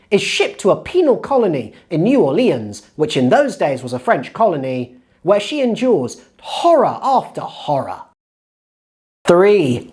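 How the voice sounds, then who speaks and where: A woman giving scripted narration for a writing-tips video, explaining in a measured way with strong emphasis. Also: on the low side, a little mellow.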